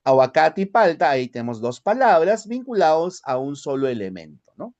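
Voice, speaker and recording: A man from the Peruvian highlands with a Lima accent, lecturing a language class and often checking in with short tag questions. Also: big pitch swings, normal speed, a little mellow, highs cut off. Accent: Lima Spanish. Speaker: language teacher.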